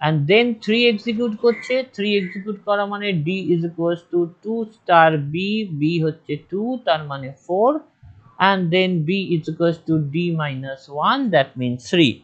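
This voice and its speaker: High-voiced male teacher, choppy cutting-out audio. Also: slow. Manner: methodical, steps through each case aloud. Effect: choppy online audio that keeps cutting out. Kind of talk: online class lecture. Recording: dull lo-fi internet audio.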